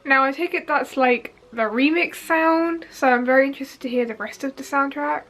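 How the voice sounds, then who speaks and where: Giggly high-voiced young woman. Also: a bit bright, faint music behind, rough recording. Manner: gushing, giggly, fast and rambling with many fillers. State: sniffly from allergies. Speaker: YouTuber reacting to a game trailer. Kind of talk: excited casual vlog chat. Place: home front room.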